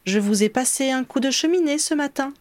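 A brisk, fussing mother of a big family, voiced by a woman reading aloud, raised a little in pitch. She hands out orders kindly but firmly in a dry, close storybook reading. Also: a little mellow, dry recording, natural voice. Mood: chatty. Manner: motherly, bossy. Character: warm fussing mother, middle-aged woman.

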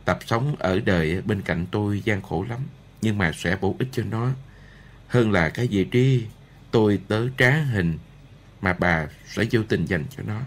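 A man's voice: on the low side, unhurried. A man doing a stern old showman. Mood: earnest. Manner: firm, commanding. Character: old wandering showman, stern but caring.

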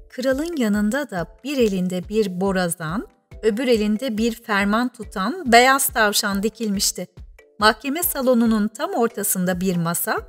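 A woman narrating an audiobook in a measured storytelling manner. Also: medium pitch. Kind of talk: scripted narration.

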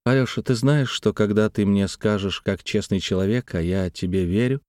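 A man reading a young woman's lines in a story, speaking with bright, quick exclamations. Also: on the low side, no room sound, clean studio sound, close to an everyday voice. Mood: earnest. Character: young woman, lively, earnest and teasing.

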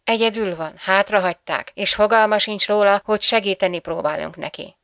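A woman's voice: medium pitch, fairly bright tone, no echo, clean studio sound, natural voice. A woman voicing a probing female TV interviewer. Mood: inquisitive. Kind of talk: audiobook reading.

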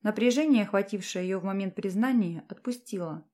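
A woman narrates an audiobook in a measured, even manner. Her voice sits at an ordinary middle pitch, and she reads steadily. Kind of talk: scripted narration.

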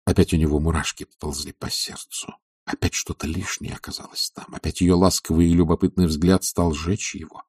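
A man narrates a classic novel for an audiobook in a calm, measured way. His voice is very low, dark and husky. The recording is dry, with no room echo. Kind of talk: literary audiobook reading.

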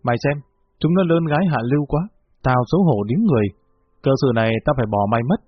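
A cocky young man who teases his friend and brags about girls, as a husky-voiced male narrator puts him on. The voice stays close to the reader's own and sounds muffled and dry. It comes from a read-aloud storybook. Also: on the high side, expressive, fast talker, no room sound. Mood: embarrassed. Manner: boastful, mock-wise teasing.

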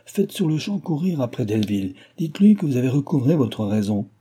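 A stern, grave older advisor from a classic novel, issuing warnings, as a male reader brings him to life. His voice is dark and mellow with a husky edge. This is audiobook storytelling with measured authority. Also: medium pitch, very animated. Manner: grave, admonishing.

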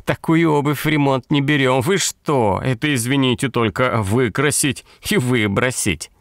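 A man's voice: mid-range voice, normal speed, no room sound, close to an everyday voice. A spiteful female clerk at a repair counter, gloating as she turns a customer away, read by a male narrator. Her tone is smug and cutting. The recording is dry and close.

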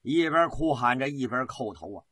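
A man's voice: mid-range voice, lively intonation, moderate pace, noisy background. A male storyteller narrating a historical tale in a dramatic, colloquial manner. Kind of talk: traditional Chinese oral storytelling.

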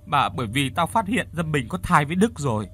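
A man's voice: on the high side, very animated, a little fast, fairly bright tone, husky, faint music behind, heavily acted. A man voicing a terrified young woman begging. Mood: pleading. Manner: pleading and stammering.

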